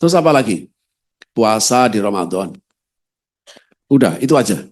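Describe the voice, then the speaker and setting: A man giving a conversational Quran study lecture in a mosque, telling stories lively and speaking straight to the audience. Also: lowish voice, normal speed. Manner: lively storytelling, talks directly to the audience. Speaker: preacher.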